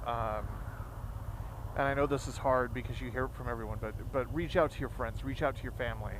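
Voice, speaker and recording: A middle-aged man giving a candid, earnest monologue to viewers in a halting way, speaking from inside a motorcycle helmet. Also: mid-range voice. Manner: halting, earnest, with long pauses. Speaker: motovlogger. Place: outdoors, riding a motorcycle. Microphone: close mic inside a motorcycle helmet. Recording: steady engine and road noise, inside helmet.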